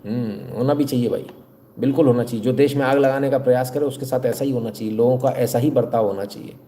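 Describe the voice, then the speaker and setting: A man's voice: mid-range voice, quick pace, mellow. A man hosting live news commentary, talking straight to viewers with sarcastic, rhetorical questions.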